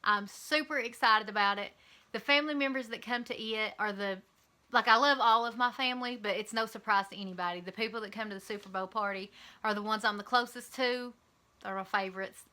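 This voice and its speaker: Chatty Kentucky woman, bright voice. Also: mid-range voice, a little fast. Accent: Eastern Kentucky. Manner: chatty and candid, with frequent ums and likes. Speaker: vlogger. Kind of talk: casual chat to camera.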